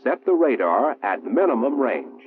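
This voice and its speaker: An American man narrates a 1960s military instructional film in a formal, measured manner with precise enunciation. His voice is medium-pitched with big swings in pitch. The soundtrack is tinny, muffled, roomy and phone-like, with slight background noise.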